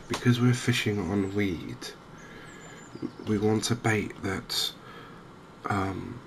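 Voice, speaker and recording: In a cozy ASMR game commentary video, a man from England speaks softly and low, very slow and even, with a touch of creak in his voice. Background ambient noise can be clearly heard.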